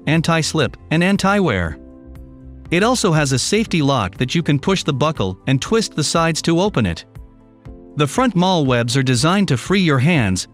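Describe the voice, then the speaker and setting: A man narrating a scripted product review voice-over, reading lists of features in an even, advertising tone. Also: on the high side. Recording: faint background music under the voice.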